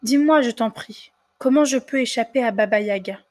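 A woman voicing a timid young peasant girl in a storybook reading, speaking softly and gently. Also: a little high, normal speed, lightly acted. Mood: pleading. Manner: soft, gentle pleading.

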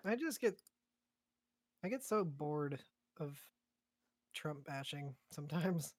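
A woman co-hosting a casual chat, dropping dry, deadpan quips. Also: low-pitched, slow pace, slightly rough, no echo.

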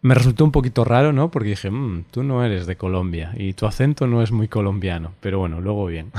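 Male podcast co-host from Spain, lower register, dry booth-like sound, easygoing and chatty. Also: fairly quick, dry recording. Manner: relaxed, chatty, laughs often, hesitant fillers. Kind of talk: casual conversation.

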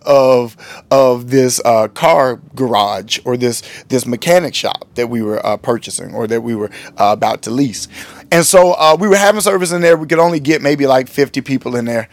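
A man, a pastor and podcast host, telling a story from his church in an animated, joking way. He often restarts his words and jumps up high when he acts surprised. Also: dry recording. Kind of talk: casual storytelling monologue.

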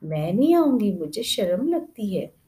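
A woman narrator voicing a shy, bashful young village girl who speaks softly, in a storybook reading. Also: medium pitch, very animated, unhurried. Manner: shy, soft-spoken.

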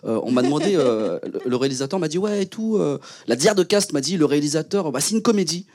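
Relaxed slangy man on a panel. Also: fairly high pitch, fast. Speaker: panel guest actor. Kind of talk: casual panel talk.

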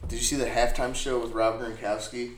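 Male co-host, mid pitch, chatty and meandering, echoey room. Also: little pitch movement, a little fast. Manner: rambling, self-correcting storyteller. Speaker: podcast co-host. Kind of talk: casual sports chat. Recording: roomy with faint background noise.

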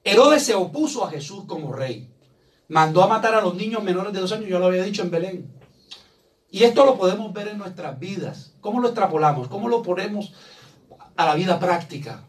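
A man preaches a sermon to his church in a high, ringing voice, pressing his points and acting out the voices of the people he quotes. He sounds set back from the microphone, with some distance in the sound. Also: lively intonation, brisk. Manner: preaches with rising emphasis, acts out quoted voices. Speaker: pastor.

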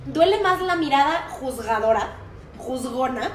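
A woman with a Mexican accent co-hosting a casual chat, telling lively stories and acting out children's voices. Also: high-pitched, a little slow. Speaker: podcast co-host. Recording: echoey room with faint noise.

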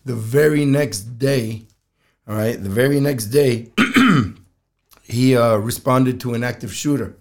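A man hosting a solo podcast, telling stories casually in a rough, strained voice, halting and plain-spoken, often clearing his throat. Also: medium pitch, a little mellow. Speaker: podcast host.

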